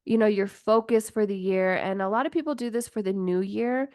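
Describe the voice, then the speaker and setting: A woman's voice: mid-range voice, fairly quick, a little mellow, dry recording, studio quality. A woman chatting casually and enthusiastically on her own, rambling from one thought to the next as a host. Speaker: podcast host and tarot reader. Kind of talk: casual solo chat about personal rituals.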